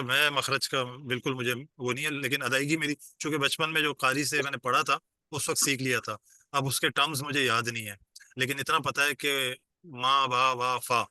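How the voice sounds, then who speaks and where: A man's voice: mid-range voice, pushed and bright, no echo. A man teaching an online class, explaining patiently step by step and quizzing his students as he goes, heard over a video call.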